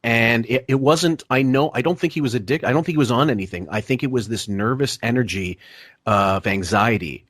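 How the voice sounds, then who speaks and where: A man hosting a casual podcast discussion, blunt and profane, talking in rushing restarts. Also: medium pitch, fairly bright tone, no echo, clean studio sound. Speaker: podcast host.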